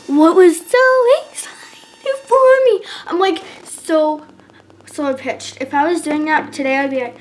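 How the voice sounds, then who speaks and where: A young vlogger reacts to her old singing cover in a casual video, chatting self-consciously, giggling, and mockingly singing snippets. Her voice sits high with a darkish tone, she talks a little slowly, and the audio quality is poor.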